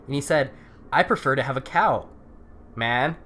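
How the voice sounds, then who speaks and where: A man's voice: mid-range voice, moderate pace, bright, forceful tone, slight background noise. A man co-hosting a podcast in casual chat, sarcastic and profane with mock anger. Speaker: podcast co-host.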